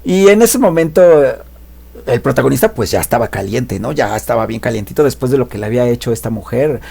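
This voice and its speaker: A man casually retelling a classic story as a literature video host, animated and chatty, tossing in tag questions. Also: mid-range voice, fast talker, vocal fry, slightly rough.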